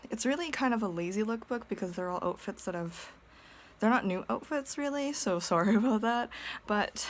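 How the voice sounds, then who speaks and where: A woman's voice: mid-range voice, a little hiss or hum. A woman chatting casually in a home vlog, rambling with lots of fillers and frequent laughs. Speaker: vlogger.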